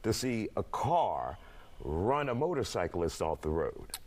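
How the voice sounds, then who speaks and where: A man's voice: on the low side, big pitch swings, measured pace, darkish tone. A man hosting a broadcast interview show, putting questions to his guests. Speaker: talk show host.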